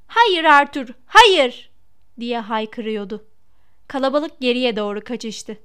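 A woman narrating a storybook aloud in a measured, expressive reading. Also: fairly high pitch, clear, resonant tone. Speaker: audiobook narrator.

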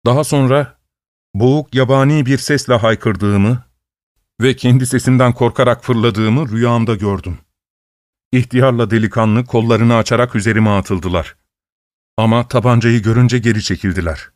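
A man narrating a story in a steady, measured reading voice. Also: medium pitch, dry recording, clean studio sound.

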